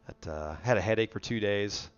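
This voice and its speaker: On the low side and at a moderate pace, this car show host talks with a clean tone despite a worn, congested, nasal voice. He keeps things to casual chat and storytelling over dull, lo-fi stream audio.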